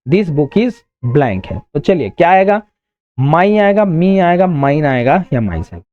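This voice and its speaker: A man's voice: fairly high pitch, warm tone. Male grammar teacher, lo-fi. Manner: explains step by step, asks and answers his own questions. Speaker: English teacher. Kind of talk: exam-prep grammar lesson.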